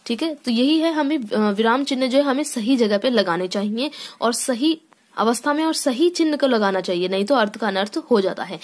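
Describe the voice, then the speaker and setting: A female teacher explains a lesson in a slightly higher voice than most. She goes point by point, pauses often to check that students are following, and reads textbook lines aloud before breaking them down. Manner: explains step by step with frequent "theek hai" check-ins and restarts.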